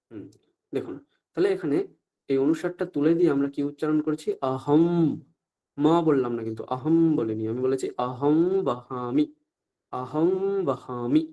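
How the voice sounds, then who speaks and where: A man teaching Sanskrit pronunciation in an online class, often stopping to ask if everyone follows and saying the examples out slowly. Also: medium pitch, dark tone, dull audio. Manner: asks the class frequent check-up questions, slow deliberate recitation of examples.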